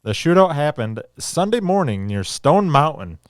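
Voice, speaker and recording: A man reads news stories aloud on a podcast and breaks off into sarcastic, crude jokes. His pitch swings widely as he goes. The sound is dry and close, with no room echo. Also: very animated, moderate pace, clear, resonant tone. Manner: sarcastic, swearing, reads articles and riffs on them. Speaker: podcast co-host. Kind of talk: casual podcast chat reading news aloud.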